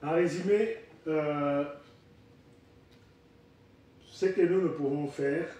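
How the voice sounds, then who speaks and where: A man in his sixties preaching a sermon, halting with fillers and restarts. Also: a little high, dark tone. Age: 60s. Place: church hall. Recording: echoey room, picked up from far off.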